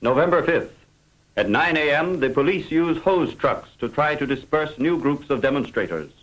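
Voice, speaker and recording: A male narrator delivers a 1950s newsreel script with formal, measured phrasing. His voice sits a little high for a man. The sound is that of an old newsreel film soundtrack. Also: animated, fairly bright tone, low-quality recording.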